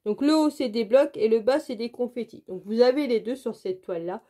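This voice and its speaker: A woman's voice: on the high side, fairly quick, mellow. A woman hosting her crafting channel, walking viewers through an unboxing in a casual, chatty way, full of "donc, euh" fillers and direct asides to the viewer.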